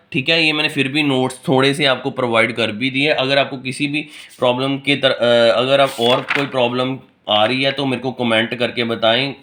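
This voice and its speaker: A man's voice: medium pitch, bright, forceful tone. A man, teaching a recorded lecture that mixes Hindi and English, who asks his students questions and then answers them himself, with many fillers. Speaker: tutor.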